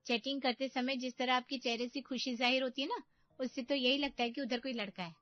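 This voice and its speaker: A woman's voice: sits high, fairly even intonation, brisk, muffled recording, voice pushed up, natural voice. A woman voicing a spoiled, meddling young daughter in a cartoon story, sly and taunting.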